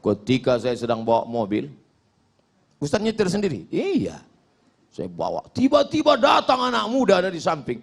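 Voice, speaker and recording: A male preacher delivers a humorous sermon. He has a fairly high voice that leaps up and down with great animation. He acts out small exchanges and chants Arabic verses between them. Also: huge pitch swings, moderate pace, gravelly, husky.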